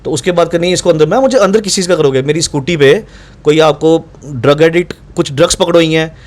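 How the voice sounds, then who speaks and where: Guy talking super fast, kinda high voice, telling the story and doing both sides of the argument. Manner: fast, insistent, reenacts dialogue. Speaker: doctor recounting incident to reporter. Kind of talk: animated first-person account.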